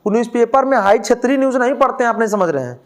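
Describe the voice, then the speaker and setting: A man's voice: very high-pitched, lively intonation, rapid-fire. A male teacher, lecturing a class, asking questions and answering them himself, with a joke now and then.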